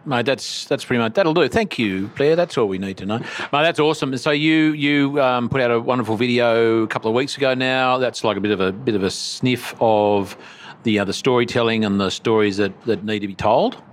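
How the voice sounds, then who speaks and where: Out in the open-air area of a conference venue, an Aussie man hosts a podcast interview, speaking a little fast in a mid-range voice. His style is easygoing and blokey, full of slang and jokes, much like a tradesman. Soft outdoor event sounds sit faintly behind him.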